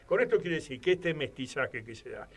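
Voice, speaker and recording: A man with an Argentine Spanish accent, a guest on a radio talk show, rambling through animated anecdotes. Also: on the high side, fairly quick, husky. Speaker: guest commentator. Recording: studio radio microphone.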